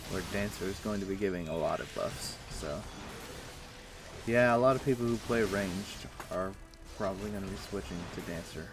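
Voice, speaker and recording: A young man with a low voice talks at a moderate pace while streaming a game from home. His casual gameplay chat is full of fillers and restarts, with music playing underneath.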